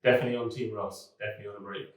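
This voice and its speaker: A man's voice: fairly low pitch, level tone, rapid-fire. Man speaking in a very echoey room. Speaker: business development manager. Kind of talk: corporate talking-head video. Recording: very echoey room, mic far off.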